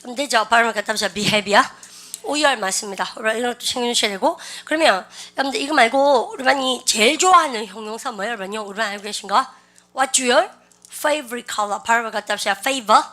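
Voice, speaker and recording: Woman vocab teacher, fairly high and bright-toned, lively and coaxing with the class. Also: a little fast. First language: Korean. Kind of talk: classroom lecture.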